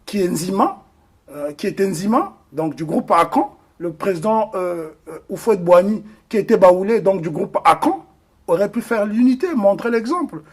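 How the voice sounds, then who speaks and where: During an interview discussion, a guest from the Republic of the Congo talks at a moderate pace in a high, sing-song voice that is slightly rough. He comes across as earnest and emphatic, pausing and hesitating often.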